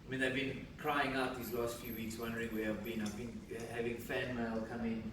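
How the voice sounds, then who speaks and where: A man's voice: mid-range voice, flat delivery, a little fast, distant mic, noisy background. Rambling man in an echoey studio. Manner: rambling, enthusiastic, cheeky. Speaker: podcast co-host. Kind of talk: casual banter and match talk.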